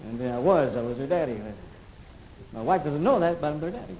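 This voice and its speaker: A stand-up comedian talks in an animated, fairly quick voice on the high side, rambling loosely and mimicking sounds and voices onstage at a comedy club. The lo-fi VHS tape recording has a little hiss or hum.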